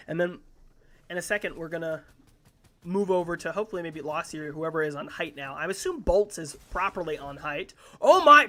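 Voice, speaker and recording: An esports caster giving live play-by-play commentary on a mobile battle royale tournament, breaking into excited exclamations. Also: mid-range voice.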